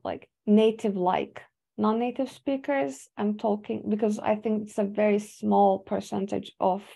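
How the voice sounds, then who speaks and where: Speaking from her home over a video call, this young woman presents slides in an academic webinar, her English full of fillers and restarts as she thinks aloud. Her medium-pitched voice carries vocal fry and a slightly mellow quality, picked up by a webcam mic.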